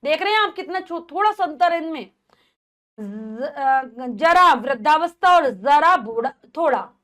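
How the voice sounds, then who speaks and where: A woman teacher reading out a vocabulary list and explaining it in a measured, list-like way. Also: high-pitched, lively intonation, fairly bright tone.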